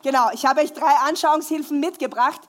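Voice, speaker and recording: High-voiced woman preaching. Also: a little fast. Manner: lively, asks the congregation questions. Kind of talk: sermon. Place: church hall, live before a congregation.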